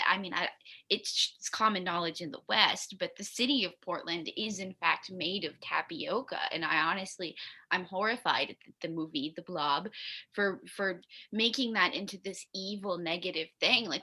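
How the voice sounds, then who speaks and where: A woman's voice: on the low side, normal speed, sharp tone, husky, heavily acted. A woman improvising a wealthy West Coast expert who earnestly defends tapioca, heard over a video call. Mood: defensive. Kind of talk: improvised comedy role-play.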